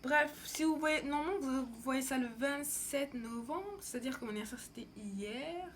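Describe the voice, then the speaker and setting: At a moderate pace and in a high voice, a young French woman vlogs, chatting casually to camera. Her speech is loose, slangy and rambling, with some slight background noise present.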